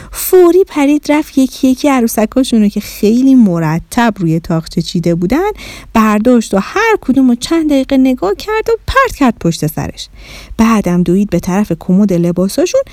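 Lively woman reading a children's story. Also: medium pitch, no echo, studio quality.

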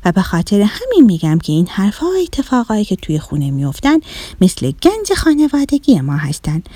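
A woman voicing a stern, exasperated fish father in a children's story, speaking in grave, hushed tones. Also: mid-range voice, very animated, husky, no echo, voice pushed down.

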